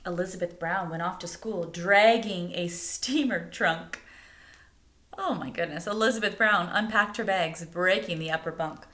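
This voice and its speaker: With a fairly low, fairly bright voice, a woman reads a picture book aloud expressively, like a teacher. She pauses to explain things and ask young listeners questions. The indoor recording sounds roomy and echoing.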